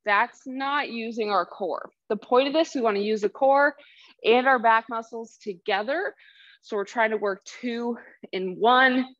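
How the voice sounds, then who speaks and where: A woman's voice: a little high, measured pace, fairly bright tone. Out-of-breath woman fitness coach, dull sound. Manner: upbeat coaching cues with countdowns. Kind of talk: workout instruction. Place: exercise space.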